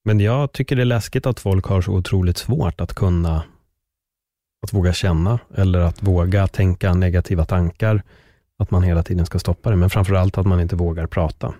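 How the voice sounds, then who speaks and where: Low-voiced man in reflective chat. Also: fairly even intonation, warm tone, dry recording, clean studio sound. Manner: reflective, earnest, swears casually. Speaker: podcast host. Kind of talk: casual conversation.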